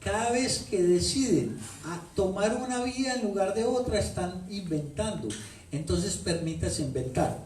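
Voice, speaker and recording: A man with a Colombian paisa accent, his voice high and a little mellow, talks a bit slowly with lively intonation. He's an author at a book launch, playfully telling stories to the audience and repeating phrases for effect. He holds a handheld mic in a bookstore event room, and the recording sounds echoey and distant.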